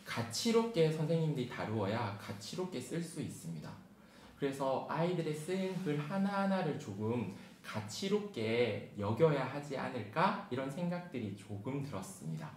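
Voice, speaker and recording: Fast-talking Korean man lecturing teachers. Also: medium pitch. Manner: talks quickly, reads a picture book aloud with lively emphasis. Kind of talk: online teacher-training lecture. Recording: roomy sound with faint background hiss.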